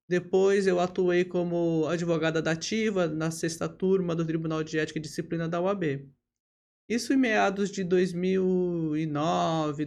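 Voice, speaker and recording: A woman, a lawyer telling her career story as a podcast guest, steady and full of tag questions and hesitation fillers. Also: lowish voice, creaky. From Brazil. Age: 50s. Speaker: lawyer and bar association leader, podcast guest. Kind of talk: relaxed interview storytelling.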